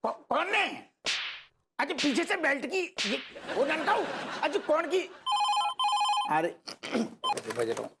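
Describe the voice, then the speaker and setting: A gravelly blustering village cop. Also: male voice, extremely high pitch, wildly swooping pitch, slow pace, pauses often, heavy background noise, heavily acted. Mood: scolding banter. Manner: shouting, rough bossy banter. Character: blustering rustic male police inspector. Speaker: police inspector.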